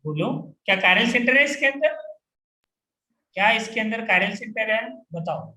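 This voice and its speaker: A man with a high, expressive voice, pushed and bright, teaches a chemistry class at an unhurried pace. Throughout the lecture he keeps firing questions at students and drilling the answers, and the room is echoey.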